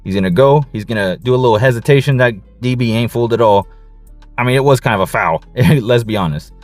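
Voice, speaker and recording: A man breaking down football game film, excited and casual, with slang and repeated catchphrases. His voice sits at a middle pitch. The recording is dry and close, with faint music in the background. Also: fast, dry recording. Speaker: football coach and film analyst.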